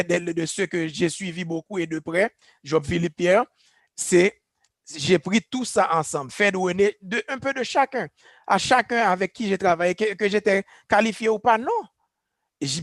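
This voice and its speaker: Earnest man, high voice. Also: vocal fry, no echo, studio quality. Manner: earnest, reflective, personal testimony. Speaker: church leader. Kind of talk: speaking on leadership. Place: church gathering.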